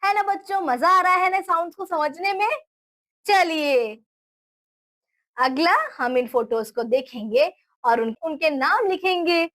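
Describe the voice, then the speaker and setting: A woman teaching a phonics lesson to young children, slowly spelling out words letter by letter and often praising her pupils. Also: extremely high pitch, animated, fairly bright tone. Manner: slow, spelling letters out one by one.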